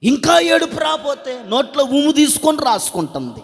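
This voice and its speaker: High-voiced preacher in a ringing church hall. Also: male voice, very animated, moderate pace. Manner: emphatic preaching with repeated refrains, calls on the congregation to answer. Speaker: pastor. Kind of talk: sermon.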